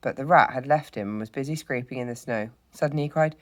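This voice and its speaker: A reader telling a chapter of a storybook aloud to a class, steady and expressive. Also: medium pitch, fast. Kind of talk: reading a chapter book aloud.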